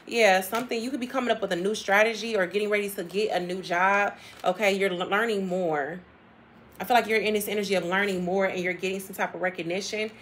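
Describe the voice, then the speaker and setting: A woman's voice: medium pitch, fairly even intonation, quick pace, a bit bright, a little hiss or hum. A woman giving a casual tarot reading to her viewers, chatty and emphatic, repeating phrases and laughing often. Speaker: tarot reader.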